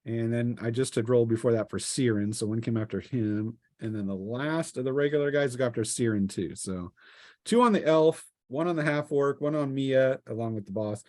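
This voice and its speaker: Narrating combat and clarifying rules informally, a male game master leads a tabletop role-playing game over an online group call at home. His medium-pitched voice has a darkish tone and a normal speed, captured on a close mic.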